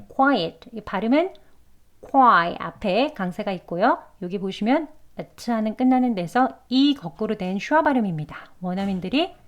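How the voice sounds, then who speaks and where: A woman teaching English pronunciation, sounding out each syllable slowly and carefully as she explains it. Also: medium pitch. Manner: slow, careful demonstration of sounds. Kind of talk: pronunciation lesson. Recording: dull lo-fi recording.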